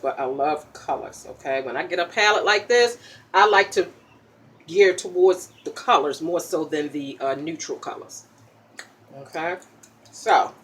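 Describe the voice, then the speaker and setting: A chatty woman walks through a casual makeup tutorial, popping gum as she talks. She keeps checking in with a quick "okay?" after each step, over a faint hum behind her. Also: fairly low pitch, fairly bright tone. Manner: pops chewing gum while talking.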